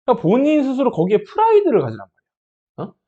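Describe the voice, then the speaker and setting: A man's voice: extremely high pitch, wildly swooping pitch, rapid-fire, warm tone, muffled recording. A man teaching math who breaks into an impassioned pep talk, scolding and encouraging his students with rhetorical questions.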